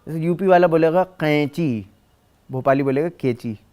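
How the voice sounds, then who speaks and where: A man speaks in a documentary interview. He is direct and talkative and slips English words into his speech, with a slightly high voice. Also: moderate pace, warm tone, smooth.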